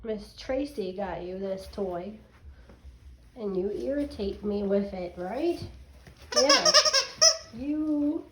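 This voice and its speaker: A woman's voice: medium pitch, slow. A woman chatting casually to her dogs at home, in a cooing, sing-song way with teasing scolding. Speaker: dog owner. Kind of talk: playful pet talk, casual chat to dogs. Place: indoors at home. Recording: echoey room, faint background noise.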